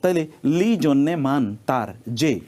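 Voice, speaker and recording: A man's voice: a little high, lively intonation, takes it slowly, dark tone. A man teaching pronunciation and grammar, breaking words apart and asking and answering his own questions. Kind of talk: grammar lesson.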